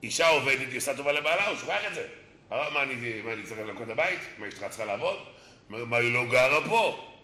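A man giving a Torah sermon, animated, acting out dialogue and mimicking people. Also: medium pitch. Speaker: rabbi. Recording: echoey room, faint noise.

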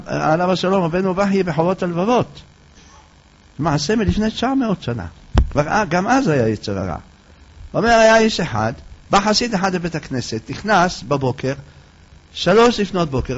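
Male preacher, storytelling sermon, highish voice, lo-fi recording. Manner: storytelling, acting out dialogue. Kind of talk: sermon with parables. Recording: dull lo-fi recording.

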